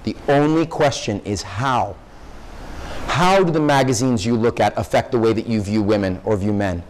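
A young man, a professor, giving a conversational classroom lecture to high school students and peppering them with questions. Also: normal speed, rough recording. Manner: conversational, asks the audience lots of questions. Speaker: guest speaker, professor.

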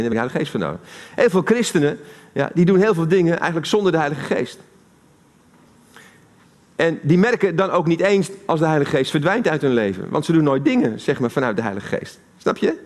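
Very animated and quick-paced, this man's voice runs on the high side. He is a Dutch-accented preacher delivering a live sermon in a church hall, keeping it conversational and questioning the congregation.

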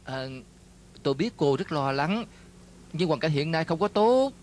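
An anxious male film crew assistant in a TV drama. He sounds placating and apologetic, with a fairly high voice. Faint music plays underneath. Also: animated, a little slow, slight background noise. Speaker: dub actor. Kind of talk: Vietnamese dub of a TV drama.

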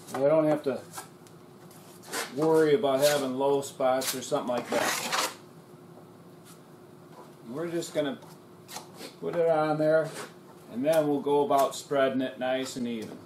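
A man's voice: mid-range voice, reverberant, background noise. A man narrating an auto body repair demonstration, explaining each step in a plain, practical way. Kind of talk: voice-over narration of a shop demonstration.

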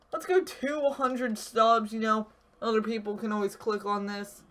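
A man hosting a gaming channel, giving casual, rambling pack-opening commentary with lots of fillers. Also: high-pitched. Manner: relaxed, rambling, frequent fillers.

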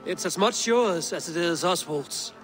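An actor playing a loyal, resolute Viking clan leader in a dramatic video game scene. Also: male voice, sits high, animated, a little slow, a bit bright, soft background music.

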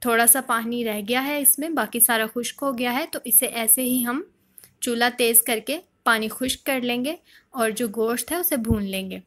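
A woman with a fairly high voice talks through a home recipe as a voice-over. She explains each step calmly and plainly, like a cooking channel host guiding viewers at home. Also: normal speed. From Pakistan. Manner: calm step-by-step instruction.

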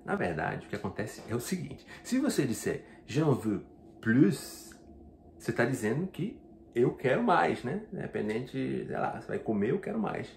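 A man teaching French pronunciation in a casual video lesson. He explains step by step, asks himself questions and slows down to say each example. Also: medium pitch, big pitch swings, gravelly. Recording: echoey room, faint background noise.

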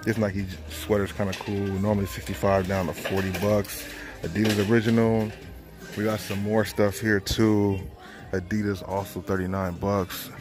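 Brief: low-voiced man in his thirties, casual chatty reseller vlog, store music playing behind. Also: little pitch movement, moderate pace. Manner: casual, chatty, thinking aloud. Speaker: reselling vlogger. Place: large retail store, indoors. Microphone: handheld phone.

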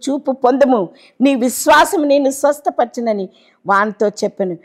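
Fervent woman preacher, pleading. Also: a little high. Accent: Telugu. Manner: pleading, swings between loud exhortation and hushed tones. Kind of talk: sermon.

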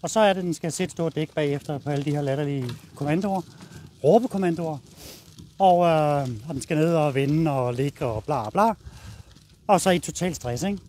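Blunt high-voiced Danish dog trainer. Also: male voice, a little mellow, slight background noise. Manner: blunt, casual, addresses viewers while walking the dog. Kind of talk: outdoor training demonstration. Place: outdoors, walking a dog.

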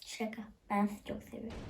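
A woman's voice: a little high, dark tone. A woman hosting a channel, chatting to viewers with frequent exclamations as she plays a game. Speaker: gamer, channel host. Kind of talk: excited game commentary. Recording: faint background noise and clicks.

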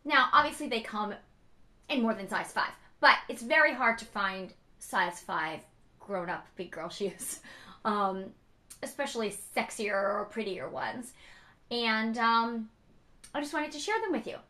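A young woman vlogging casually from home, chatty and bubbly, her voice raspy from a cold. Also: a little high, lively intonation, a little slow, bright, forceful tone. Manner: bubbly and chatty, with many fillers.

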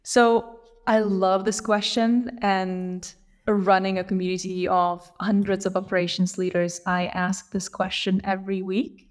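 A woman's voice: mid-range voice, flat delivery, unhurried. A woman in her thirties from Lithuania, a guest on a podcast, telling her story in a thoughtful, reflective way over a video call. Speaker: guest, operations leader. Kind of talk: casual interview chat. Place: small room at home. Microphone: video call with earbuds.

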